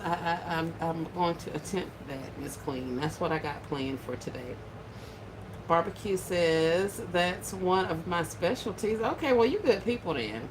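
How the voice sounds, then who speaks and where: A woman's voice: fairly low pitch, noisy background. A woman hosting a casual livestream, greeting viewers by name, laughing often and teasing playfully. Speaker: livestream host.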